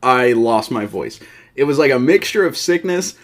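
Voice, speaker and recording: A man's voice: mid-range voice, animated, normal speed. Man with a mid-range voice, hosts an MMA channel, loose off-the-cuff delivery, self-mocking humor. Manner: rambling, self-deprecating, joking asides. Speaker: MMA show host. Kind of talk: unscripted casual commentary.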